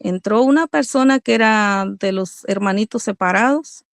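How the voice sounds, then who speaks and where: Mom sharing her faith testimony, earnest, slightly high voice, dry sound. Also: dry recording. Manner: earnest, addresses listeners as brothers. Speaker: mother giving a testimony. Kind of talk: religious testimony.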